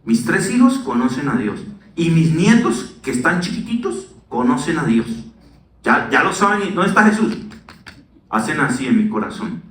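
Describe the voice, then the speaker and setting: A middle-aged man preaching a sermon as pastor, animated and swinging down to a hush. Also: fairly high pitch, moderate pace, far from the mic. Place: church. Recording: echoey church hall, voice from the mic.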